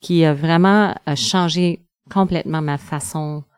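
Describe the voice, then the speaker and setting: A middle-aged woman from northern Ontario. She is a researcher answering interview questions, pausing often and using many fillers. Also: deep voice, steady tone, clean tone, no echo. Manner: hesitant, many pauses and fillers.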